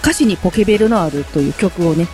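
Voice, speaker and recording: A woman's voice: fairly low pitch, expressive, fast talker, darkish tone, faint music behind. A woman with a Kansai accent hosting a radio talk show, introducing guests and songs with cheerful banter. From Osaka, Japan. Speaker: radio host. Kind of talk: radio presenting.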